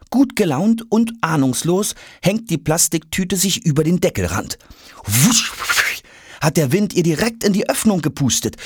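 A man narrating a children's audiobook in an expressive, dramatic way. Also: on the high side, breathy edge, dry recording, studio quality. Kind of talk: scripted storybook narration.

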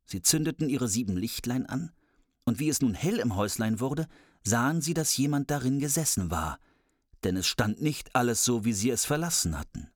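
Someone reading a fairy tale aloud in a lively, playful way, adding cheeky asides. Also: medium pitch, normal speed, no room sound, studio quality. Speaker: storyteller.

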